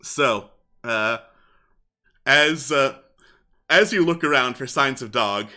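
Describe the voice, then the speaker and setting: A man narrating as game master of a tabletop game, often pausing with fillers and breaking into laughter. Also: medium pitch, sharp tone. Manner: hesitant, filler-heavy narration with bursts of laughter.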